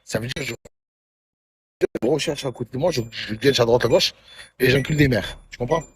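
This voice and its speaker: A man's voice: medium pitch, a little fast, a little hiss or hum. A man hosting a phone livestream, joking in crude, slangy, boastful banter. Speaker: livestream host.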